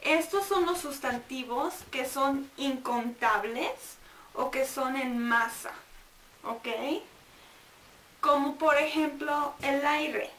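High-voiced woman teaching, echoey room. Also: a bit bright, distant mic. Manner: drills words slowly, repeating and sounding them out. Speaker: English teacher. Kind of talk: bilingual grammar lesson.

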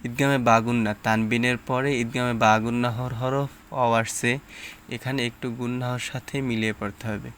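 At a moderate pace and with little pitch movement, a man gives a slow recitation lesson on reading the Quran. He lays out the rules, then pronounces each letter and syllable individually in a mid-range, fairly bright voice. Slight background noise can be heard.

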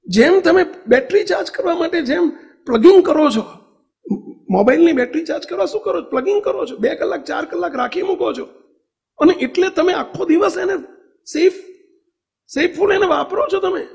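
A man's voice: extremely high pitch, animated, normal speed, creaky, darkish tone. A man with a Gujarati accent giving a devotional sermon, telling stories and asking the audience questions. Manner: storytelling, asks the audience questions. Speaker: preacher.

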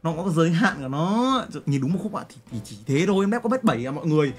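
Brash fast-talking young man streamer. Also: fairly high pitch, sing-song. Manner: brash, joking, crude slang, talks to chat directly. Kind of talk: casual livestream chat, reacting to photos and clips.

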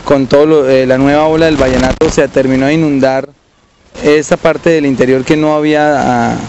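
A man giving a halting vox pop comment, with fillers. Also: medium pitch, fairly even intonation, muffled recording, background noise.

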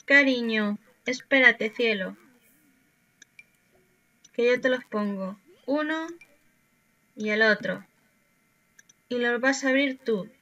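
A woman's voice: fairly high pitch, slow pace, pauses often, a bit bright. A woman from Spain casually commenting on her life-simulation game and chatting to her characters. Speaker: gaming YouTuber. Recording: dull lo-fi sound.

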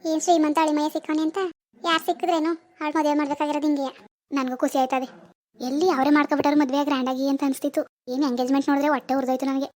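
A woman's voice: high voice, level tone, very fast, a little mellow. A woman, performing a chatty, gossipy village comedy skit.

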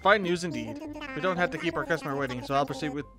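A man's voice: a little high, rapid-fire, over music, lightly acted. A man reading aloud the lines of a polite, businesslike male raccoon dog shopkeeper from a video game. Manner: read aloud from game text.

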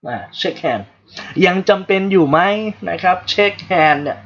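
A man's voice: fairly high pitch, animated, slow pace, fairly bright tone, muffled recording. A man from Thailand giving a casual livestream English lesson, joking asides to his viewers. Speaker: English teacher.

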